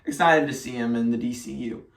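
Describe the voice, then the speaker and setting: A man's voice: mid-range voice, fairly even intonation, fairly quick, vocal fry. A man co-hosting a weekly news roundup, chatting casually and reading articles aloud, with lots of fillers and restarts. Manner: rambling with many fillers and restarts. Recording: echoey room, mic at a distance.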